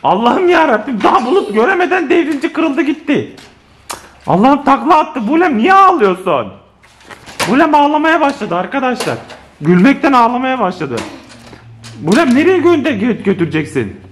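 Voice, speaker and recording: Excitable man with lively pitch. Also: moderate pace, slight background noise. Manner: exclaiming, lively, addressing viewers. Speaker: family vlogger. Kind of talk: excited family vlog chat to viewers. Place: home living room.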